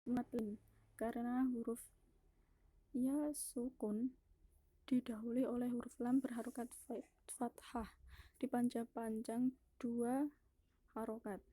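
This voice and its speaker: A young woman from Indonesia, a university student, steps through Quran recitation rules one by one for a class presentation. Her voice is very dark and husky and sits a little high for a woman. She stays flat and methodical, and now and then restarts a word mid-sentence. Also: takes it slowly, pauses often, no echo. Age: young adult. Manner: careful and methodical, listing rules step by step.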